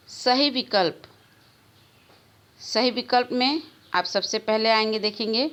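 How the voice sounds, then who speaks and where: A woman teacher talks her young pupils through a recorded grammar lesson. She speaks in a fairly high voice at a slow, deliberate pace. She says the key answers over and over so the children can take them in. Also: a bit bright. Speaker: school teacher.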